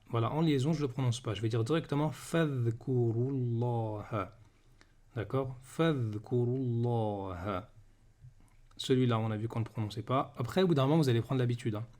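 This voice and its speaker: A man teaching a beginners' reading lesson, patiently repeating each word slowly and checking understanding with frequent questions. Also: mid-range voice, a little mellow.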